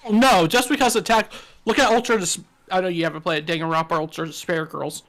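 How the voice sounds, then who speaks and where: Co-hosting a casual podcast chat, this Southern US man jokes around, talks frankly and curses a lot. His voice sits high and a bit bright, with fairly even intonation and a fairly quick pace.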